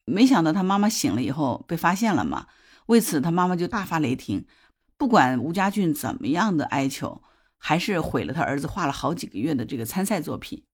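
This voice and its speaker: A woman's voice: low-pitched, sing-song, brisk, husky. A woman hosting a parenting advice podcast. She talks in a conversational way and often puts questions to her listeners. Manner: tells a story from a TV drama in detail. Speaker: podcast host.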